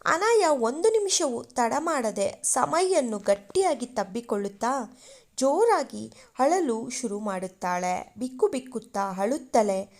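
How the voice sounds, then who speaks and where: A woman narrating a romance story in a slow, expressive reading voice. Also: fairly high pitch.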